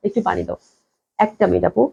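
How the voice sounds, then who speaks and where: A woman's voice: fairly low pitch, fairly even intonation, quick pace, vocal fry, warm tone, husky, muffled recording. A woman hosting a live online sale of dresses from her office, gushing with enthusiasm and repeating her praise, while she recovers from a cold and keeps coughing. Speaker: clothing shop owner selling dresses live. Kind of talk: live online sales stream. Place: indoors at the company office.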